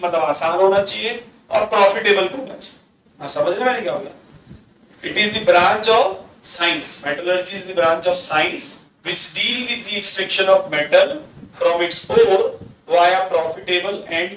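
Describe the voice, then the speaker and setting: Male teacher lecturing a class, questions and answers himself, high voice, recorded from across an echoey room with faint hum. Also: a bit bright, recorded from a distance. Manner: mixes Hindi with English terms.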